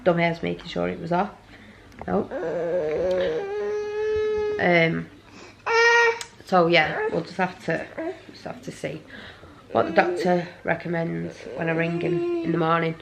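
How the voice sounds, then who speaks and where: Exhausted mum, gravelly voice. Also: female voice, on the low side, measured pace, long pauses, over a noisy crowd. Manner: rambling, apologetic. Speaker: parent vlogger. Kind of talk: casual vlog chat. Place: home. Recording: noisy home recording.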